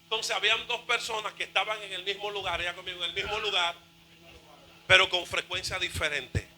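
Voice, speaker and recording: A male pastor preaching a fervent sermon, shouting and half-singing his phrases. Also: sits high, fairly even intonation, brisk, poor audio.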